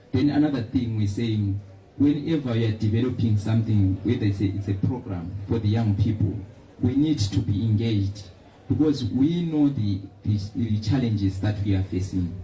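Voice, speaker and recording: Deep, dark-voiced young man. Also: a little hiss or hum. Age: young adult. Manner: repeats words as he builds his points. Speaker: youth panelist. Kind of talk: panel discussion remarks. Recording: echoey hall from far off.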